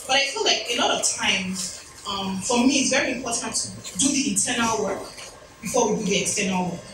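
This fairly quick woman in her thirties has a slightly high voice and tells personal stories with chatty, self-deprecating asides during a motivational talk at an event hall. The recording is noisy, echoey and distant.

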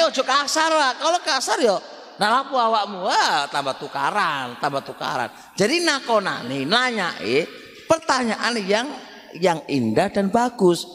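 Lively East Javanese religious teacher. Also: male voice, high-pitched. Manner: conversational, repeats words, keeps addressing listeners as "Pak". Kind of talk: Islamic study lecture. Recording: reverberant hall.

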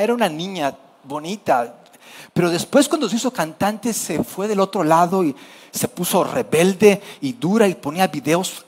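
A man, preaching a sermon in a conversational way and asking the congregation questions. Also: on the high side. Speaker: pastor.

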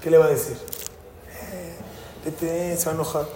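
Rabbi teacher, male, animated classroom lesson, fairly high voice, echoey hall. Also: moderate pace. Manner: animated, keeps quizzing listeners with "sí o no". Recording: echoey hall with faint noise.

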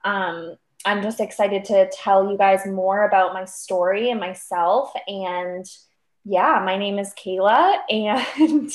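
A woman's voice: mid-range voice, takes it slowly. A 25-year-old woman from Cape Cod, Massachusetts, a guest chatting upbeat and casually on a podcast, with many fillers like "um" and "like". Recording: roomy echo.

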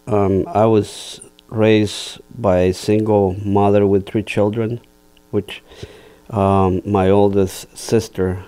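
Slow, deep-voiced man from Guatemala. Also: mellow. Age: 40s. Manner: halting, many fillers and restarts. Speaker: interview guest. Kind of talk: personal life story in an interview.

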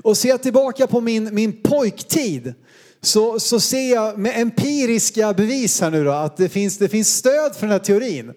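This Swedish man in his thirties has a high, slightly mellow voice with lively intonation. He preaches a sermon full of personal anecdotes, telling funny, self-deprecating stories about his boyhood with a humorous storyteller's touch.

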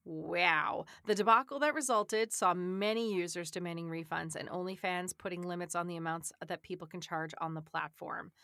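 A woman co-hosts a casual podcast, reading out trivia and then chatting about it with frequent laughter. Her voice is bright and a little low for a woman. The sound is dry, with no room echo. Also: moderate pace, hardly any pauses. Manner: chatty, laughs often, reads aloud then riffs. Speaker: podcast co-host.

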